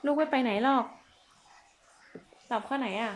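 A woman's voice: high-pitched, a little slow. A woman teaching Thai literature. She reads lines of classic verse aloud, then explains them in plain words, and she often adds polite sentence endings. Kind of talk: lesson, explaining classic verse and exam questions.

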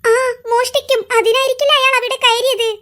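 A woman's voice: little pitch movement, a bit bright. A woman voicing bickering cartoon children in a comic animation. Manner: quick bickering banter in squeaky voices.

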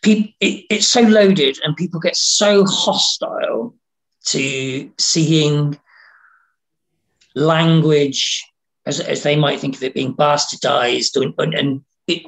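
A man from Wales, a writer and interview guest, talking in a casual, halting way, restarting and repeating words as he thinks. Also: a little high, vocal fry, a bit bright, rough recording. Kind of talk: casual conversation.

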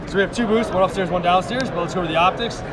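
A man in his thirties with a slightly high voice walks through a product demo in a relaxed, easygoing pitch. He is caught on a handheld phone inside a large indoor trade show hall. Loud crowd noise fills the background. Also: very fast. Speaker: booth staffer. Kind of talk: product demo and casual chat. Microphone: host's phone, handheld. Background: crowd chatter.

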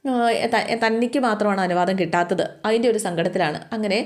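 Fast, chatty woman storyteller. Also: mid-range voice. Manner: chatty, colloquial, frequent fillers. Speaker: storyteller recapping a TV serial. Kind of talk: casual plot retelling.

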